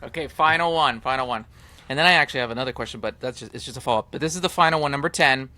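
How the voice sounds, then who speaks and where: A podcast host runs the questions with a very bright, forceful tone. The talk is casual, joking and full of laughter. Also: mid-range voice, very fast, dry recording. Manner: bright, jokey questioner who laughs often. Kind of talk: casual interview chat.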